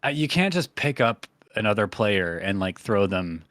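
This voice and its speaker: A man hosting a podcast in casual chat, rambling with lots of fillers and getting animated when he tells a story. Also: lowish voice, normal speed, dry recording, clean studio sound. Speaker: podcast host.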